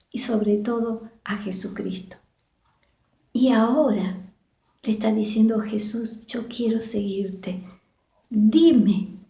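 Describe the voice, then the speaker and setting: Slow, earnest Argentine woman teaching. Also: a little high, warm tone, echoey room. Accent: Rioplatense Spanish. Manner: slow and earnest, acts out the quoted dialogue. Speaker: Bible class teacher. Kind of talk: Bible school lesson over the internet.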